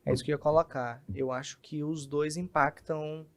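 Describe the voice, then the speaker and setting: A man, a communication specialist, explaining in an animated podcast interview and acting out examples. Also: a little high, normal speed, crowd noise. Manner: animated, acts out examples in quoted voices.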